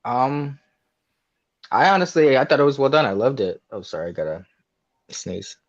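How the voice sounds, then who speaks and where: A man's voice: medium pitch, sing-song, moderate pace, muffled recording. A man as a guest on a casual movie review podcast, laid-back and rambling, laughing often.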